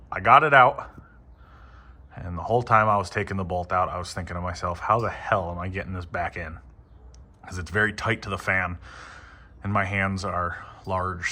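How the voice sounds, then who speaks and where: A man casually talking through motorcycle work in his garage, relaxed and rambling with many ums. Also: sits low. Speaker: motorcycle vlogger. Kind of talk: casual how-to narration.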